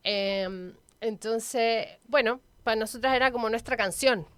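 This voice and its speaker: A woman's voice: a little high, unhurried, smooth, dry recording. A woman in her forties from Venezuela with a Chilean accent, chatting as a guest and telling personal stories. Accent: Chilean Spanish. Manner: warm storytelling, chatty. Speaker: guest, local councilwoman. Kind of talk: casual interview chat.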